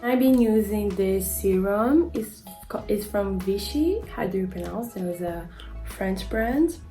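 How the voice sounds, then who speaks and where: With a mid-range, dark-toned voice that is animated yet measured, a Brazilian-accented woman in her twenties, a model and beauty vlogger, chats casually about her skincare routine. She fills in with "like" frequently and stumbles on product names, over soft background music.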